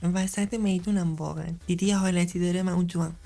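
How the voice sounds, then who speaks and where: A man's voice: sits high, steady tone, vocal fry, warm tone, soft background music. A young man from Iran putting on a young woman's voice to prank strangers in a video chat, teasing and cheeky.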